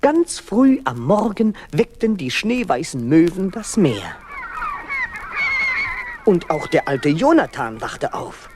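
A man narrating a children's story in a slow, lilting, expressive way. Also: on the high side, over music.

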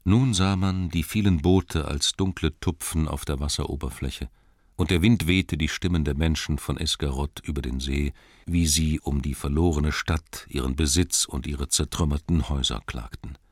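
A man narrating an audiobook with expressive storytelling. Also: extremely low pitch, normal speed, dry recording, clean studio sound. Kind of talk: audiobook reading.

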